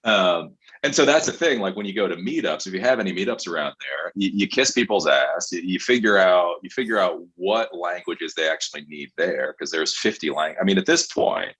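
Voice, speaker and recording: Blunt, foul-mouthed host with a low husky voice. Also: male voice, lively intonation, fairly quick, few pauses, fairly bright tone, low-quality recording. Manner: blunt and profane, swears freely. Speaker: host of an open mic call-in show. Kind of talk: casual chat. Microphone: video call.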